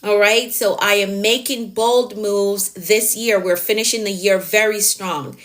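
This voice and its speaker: This female productivity coach takes her time, her medium-pitched voice steady and fairly bright. Live-streaming in an encouraging, motivational way, she stresses and repeats key phrases while responding to what viewers write.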